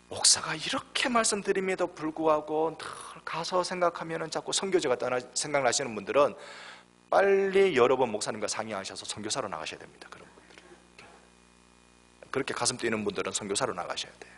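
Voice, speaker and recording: Animated Gyeongsang-accented male preacher in a reverberant hall. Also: mid-range voice, husky. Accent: Gyeongsang Korean. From Daegu, South Korea. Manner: animated storytelling, acts out voices, rising to emphatic peaks. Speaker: guest pastor. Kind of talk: sermon. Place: church sanctuary.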